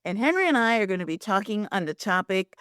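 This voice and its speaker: A woman's voice: mid-range voice, very animated, fast, a bit bright, clear, resonant tone, no echo, studio quality. A woman from Guyana hosting a podcast interview, chatty and affirming, with many "very nice" replies. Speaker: podcast host. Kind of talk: podcast interview with reading of a synopsis.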